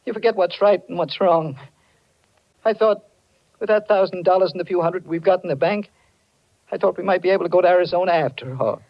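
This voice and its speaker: An actor plays an anxious, desperate married man with a guilty secret, ashamed and earnest in a dramatic 1940s radio style. His voice is high-pitched and a little fast, with long pauses, on a dull, band-limited 1940s radio recording.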